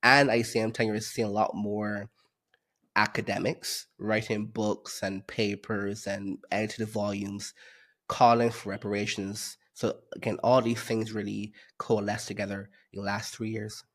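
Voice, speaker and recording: A man from Barbados, a guest economist on a podcast interview, explaining his views in a measured way with frequent fillers. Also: lowish voice, flat delivery, fairly bright tone.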